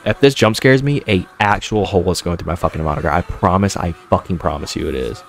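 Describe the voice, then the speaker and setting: A man's voice: low voice, quick pace, gravelly, soft background music. A man streaming a horror game with scared, jittery reactions, repeating himself and speaking in profane, slangy commentary.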